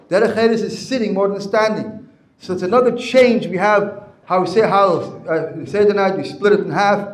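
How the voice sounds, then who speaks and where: Rabbi, male, high voice, teacherly, restates points, roomy echo. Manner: teacherly, repeats and restates phrases. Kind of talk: Torah lesson with storytelling. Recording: echoey room.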